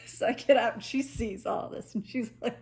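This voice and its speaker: A woman's voice: fairly high pitch, moderate pace, vocal fry, darkish tone. Giggly, rambling woman telling stories. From United States, near the Canadian border. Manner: giggly, laughs through her own sentences; rambling and loose, with casual swearing. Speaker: storytelling vlogger. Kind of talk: casual personal storytime, unedited.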